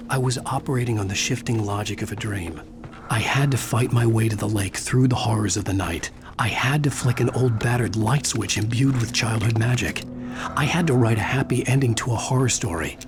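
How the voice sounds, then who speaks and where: An actor playing a haunted, weary writer in a game, narrating in a brooding, measured, literary way. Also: male voice, fairly low pitch, lightly acted. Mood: determined. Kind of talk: dramatic scripted game narration. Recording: music behind voice.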